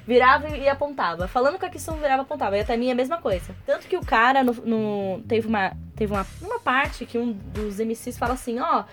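A woman chatting casually and quickly about a show she follows. Her voice sits slightly high and she argues her views with conviction. Faint music plays in the background. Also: expressive, a bit bright. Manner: opinionated, acts out quotes in other voices.

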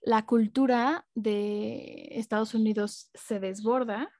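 A woman's voice: on the high side, steady tone, slow, warm tone, no room sound, clean studio sound. A woman from Mexico with a Mexican Spanish accent, explaining things in casual chat with plenty of filler phrases.

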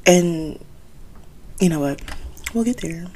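A woman's voice: fairly low pitch, animated, slow, a little mellow, a little hiss or hum. A woman in her twenties hosting a solo podcast, talking candidly and conversationally as she thinks aloud. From United States, Haitian American. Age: 20s. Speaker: podcast host.

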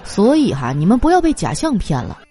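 A woman telling comic stories in a lively, animated way, laughing through her punchlines. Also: medium pitch, a little fast, a little hiss or hum. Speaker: comedy monologue performer. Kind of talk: stand-up style comic storytelling.

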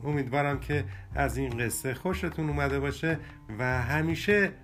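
A man softly giving a friendly sign-off to listeners after a story. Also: on the high side. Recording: guitar music underneath.

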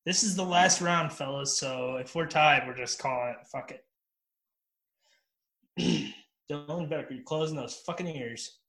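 A man running a word game on a radio show, his voice bright and a touch high for a man. He bosses and teases the players, swearing freely in loose studio banter. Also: unhurried, long pauses. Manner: bossy, teasing, swears freely. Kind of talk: casual joking banter. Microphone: studio microphone.

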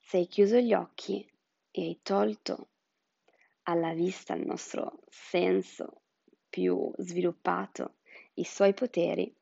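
A woman guiding a meditation in a soft, soothing, breathy voice that often drops into a whisper. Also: lowish voice, no echo, highs cut off. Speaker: meditation guide. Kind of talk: guided chakra meditation.

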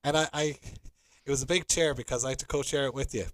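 A man's voice: medium pitch, fast talker, fairly bright tone, dry recording. A middle-aged man with a west of Ireland accent, talking conversationally as a podcast co-host. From Galway, Ireland. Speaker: podcast co-host, hotel sales professional.

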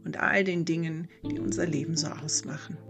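A storyteller giving a calm, measured first-person narration of a fairy-tale story. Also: medium pitch, vocal fry, over loud music.

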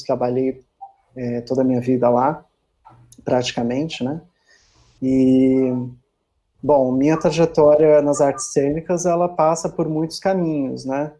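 Mellow São woman, low-voiced, reflective. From São Paulo, Brazil. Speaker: guest, university performing arts teacher. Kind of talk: reflective interview talk.

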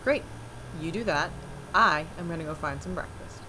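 A woman's voice: low-pitched, normal speed, noisy background, close to an everyday voice. An actress playing a dry-humored wife who is groggy before her coffee, in an audio drama. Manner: dry, deadpan.

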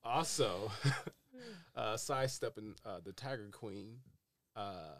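A man co-hosting a casual podcast, telling stories in an animated way. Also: on the low side, takes it slowly. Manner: animated storyteller. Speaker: podcast co-host. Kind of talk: casual chat.

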